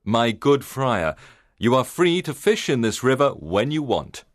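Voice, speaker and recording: A man's voice: medium pitch, very animated, a little slow, no room sound, clean studio sound, pitched above the performer's own voice. A man voicing a thin but strong young outlaw leader who is bold and friendly, with a confident, commanding tone in a storybook reading.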